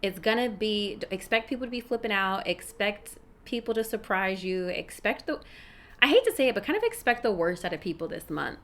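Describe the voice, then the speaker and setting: A woman's voice: medium pitch, lively intonation, brisk, fairly bright tone. A woman giving a casual fortune-telling tarot reading, speaking familiarly and directly to the listener with emphatic advice, with street noise behind her. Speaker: tarot reader, fortune teller. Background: rush-hour street noise.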